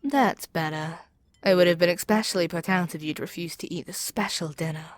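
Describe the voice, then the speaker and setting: This is ASMR audio roleplay acting: a woman with a somewhat low voice plays a proud, seductive demon queen, ordering and coaxing her captive with theatrical flair that fits an intimate audio drama. Brisk and lightly acted, she sounds commanding and taunting, with the recording very dry and free of room sound.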